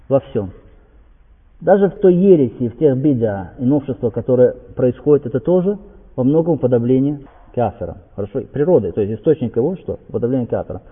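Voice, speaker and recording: A man's voice: medium pitch, slightly rough. A man giving a religious lecture. He quotes Arabic passages, then explains them, and keeps checking in with rhetorical questions. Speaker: Islamic preacher. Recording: tinny lo-fi sound with long hall reverb.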